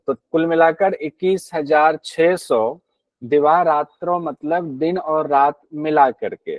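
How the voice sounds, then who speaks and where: A man's voice: a little high, dry recording, rough recording. A man teaching a class on a yoga text, explaining patiently, repeating key points and asking his students questions.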